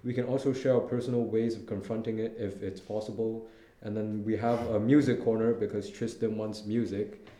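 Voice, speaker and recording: A man's voice: on the low side, flat delivery, brisk, warm tone. A teenage boy from Hong Kong, laying out podcast segments in a matter-of-fact way. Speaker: podcast co-host. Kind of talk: casual explanation. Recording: echoey room.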